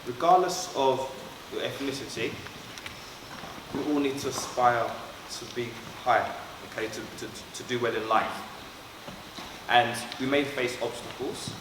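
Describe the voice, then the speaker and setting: A man's voice: mid-range voice, fairly even intonation, unhurried. Man giving a school assembly in an echoey hall. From born in Trinidad, raised in London. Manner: earnest, instructive, speaks directly to pupils. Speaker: school staff member leading assembly. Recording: echoey hall, far from mic, background noise.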